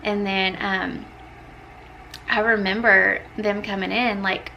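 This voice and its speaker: A woman's voice: medium pitch, level tone, slow, creaky, muffled recording, a little hiss or hum. A young woman, casually telling a personal story, full of "like" fillers and acted-out quotes. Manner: chatty, many "like" fillers, acts out quoted lines. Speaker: vlogger.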